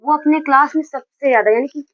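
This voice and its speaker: A woman teaching English grammar in Hindi, explaining step by step and dictating example sentences slowly word by word. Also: high-pitched, no room sound. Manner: explains step by step with many restarts. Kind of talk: Hindi video lesson on grammar. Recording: dull, dry lo-fi recording.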